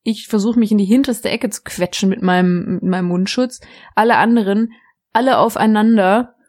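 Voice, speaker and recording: A young woman co-hosting a casual podcast, rambling through anecdotes. She giggles often and restarts her sentences. Her voice sits at an ordinary pitch for a woman. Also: moderate pace, a little mellow. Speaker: podcast co-host. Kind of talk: casual chat.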